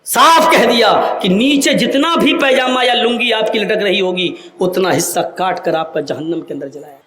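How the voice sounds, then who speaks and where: An impassioned male preacher with a high, bright voice who often rises to shouting. He is recorded in an echoey hall with a faint hiss underneath. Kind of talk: sermon.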